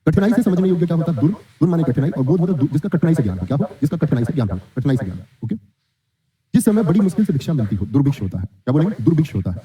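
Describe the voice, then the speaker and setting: Man teaching an exam-prep class, very fast speech, asks and answers his own questions, muffled lo-fi sound. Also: fairly high pitch, sing-song, mellow. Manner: quizzing, answers his own questions, reads student comments. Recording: dull lo-fi sound.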